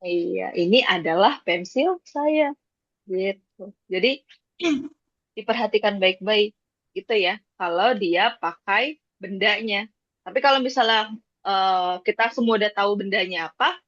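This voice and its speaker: A woman teaches a class at a patient pace, repeating each point and asking the students whether they follow. Her voice is bright and a little higher than most. The recording is dull, dry and lo-fi. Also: dry recording. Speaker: Japanese teacher. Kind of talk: classroom lesson.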